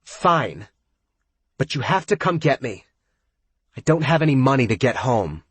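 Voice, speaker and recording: A man's voice: fairly high pitch, sing-song, takes it slowly, no echo, voice pushed up, exaggerated voice. Man doing a slurring drunk woman. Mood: whiny demanding. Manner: slurred, pleading, whiny yelling. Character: drunk loud young woman partying in a bar.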